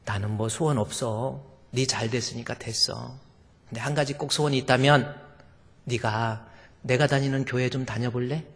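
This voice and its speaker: Man doing a soft-spoken elderly mother. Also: mid-range voice, steady tone, husky, in a large hall. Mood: mild. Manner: soft, slow, gently reproving. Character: elderly widowed mother, gentle and steady in faith.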